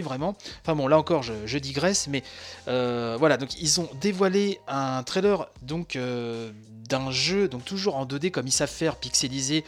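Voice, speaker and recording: Hesitant man hosting a podcast. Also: fairly high pitch. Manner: hesitant, many fillers and restarts. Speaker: podcast host. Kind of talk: casual podcast chat.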